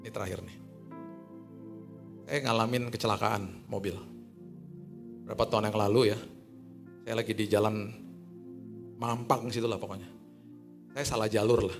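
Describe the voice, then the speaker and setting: A middle-aged male pastor preaching a sermon, telling stories in casual slang and swinging from hushed asides to loud excited peaks. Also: fairly low pitch, moderate pace, creaky, pauses often, music in the background.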